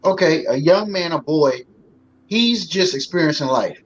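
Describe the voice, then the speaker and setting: With a higher-leaning voice and lively intonation, he talks a little slowly as a guest on a talk show. The man, in his forties, chats casually and folksily, leaning on fillers, over a somewhat muffled recording with light noise.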